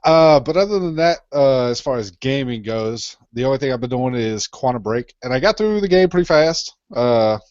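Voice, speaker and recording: A man's voice: medium pitch, expressive, moderate pace, few pauses, a little mellow, clean tone, no echo. A man co-hosting a casual podcast, rambling and swearing freely. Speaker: podcast co-host. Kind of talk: casual chat. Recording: dull dry lo-fi recording.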